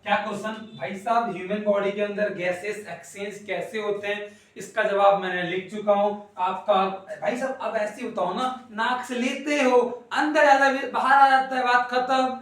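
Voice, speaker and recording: A man teaching an online class, playful and rapid, repeating questions and teasing his students. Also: sits high, steady tone. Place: classroom with whiteboard. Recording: loud echo, voice from a distance.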